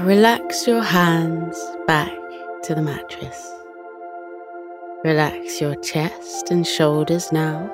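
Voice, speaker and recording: A woman gently narrating a children's bedtime meditation and story in a soothing, coaxing, unhurried way. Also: on the low side.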